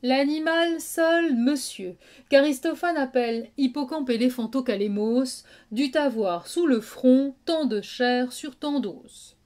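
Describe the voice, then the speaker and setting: A woman's voice: sits high, a little mellow. A woman playing a proud, witty swordsman in hammy, declamatory theatrical verse, drawing out her words. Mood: pompous, flourishing. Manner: hammy stage acting, declamatory, with drawn-out words. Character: proud, witty swordsman Cyrano mocking an insult with flourish. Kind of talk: theatrical recitation of classic French verse monologue.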